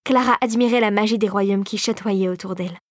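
A woman narrating a storybook in a calm, measured reading voice. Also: medium pitch, dry recording, clean studio sound.

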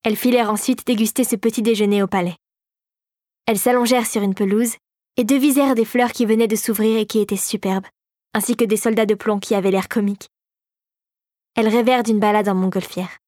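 A woman narrating a children's storybook in a clear, steady storytelling manner. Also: medium pitch, brisk, no echo, studio quality.

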